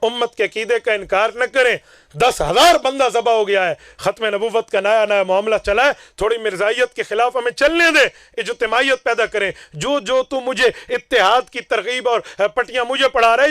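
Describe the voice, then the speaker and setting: A man preaching with a high, ringing voice, forceful and declaiming as he acts out quarrels from his own stories. The sound is dry and close, with little room around it. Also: dry recording. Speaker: Islamic preacher. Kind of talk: fiery sermon to a gathering.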